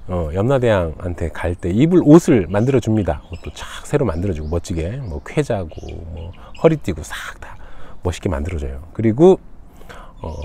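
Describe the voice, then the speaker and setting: A man from Jeju, a channel host, casually retelling a folktale outdoors in a relaxed, conversational way. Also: low-pitched, normal speed, slight background noise. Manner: relaxed, conversational, frequent fillers.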